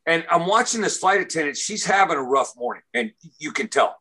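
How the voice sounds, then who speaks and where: A man in casual conversation, telling a funny story, animated and often repeating words as he starts sentences. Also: a little high, a little fast, husky. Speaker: comedian and recovery speaker.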